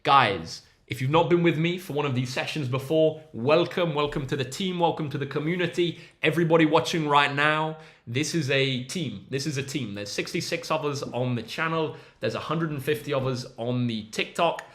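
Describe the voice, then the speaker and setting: A man's voice: fairly high pitch, normal speed, few pauses, a bit bright. A young man, a maths tutor hosting a casual livestream, upbeat and encouraging as he reads out viewers' names from the chat.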